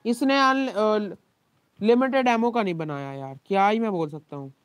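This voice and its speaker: A man with a Pakistani Urdu accent, a game streamer talking to his live chat in an exasperated, complaining way, his throat dry from shouting. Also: high-pitched, normal speed, no room sound. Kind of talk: live gaming stream talk.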